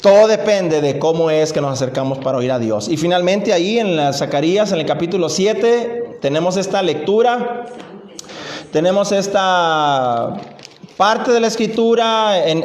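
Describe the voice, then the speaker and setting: A man with a Mexican accent preaching a sermon in a church, emphatic and repetitive, swinging between loud and hushed lines. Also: sits high, expressive, normal speed. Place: church sanctuary. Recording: echoey church room.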